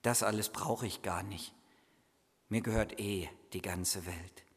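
A man voicing the child Jesus in a lowered, soft and calm voice. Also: unhurried, slightly rough, long reverb tail. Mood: gentle.

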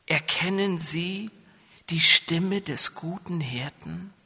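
Pastor with a northern coastal accent, hall reverb. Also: male voice, fairly high pitch, takes it slowly, bright, forceful tone, slightly rough. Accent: northern German coastal. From northern Germany. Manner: preaching with rising emphatic passages, asks the congregation questions. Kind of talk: sermon. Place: church. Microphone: microphone.

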